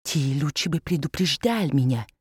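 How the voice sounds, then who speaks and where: A blustering elderly financier with a thick foreign accent and broken grammar, as a woman reader puts him on. He speaks high and slow with drawn-out, swelling exclamations. The storybook reading sounds close and dry. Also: animated, darkish tone, no room sound. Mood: plaintive. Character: pompous older male banker, foreign-accented, explosive.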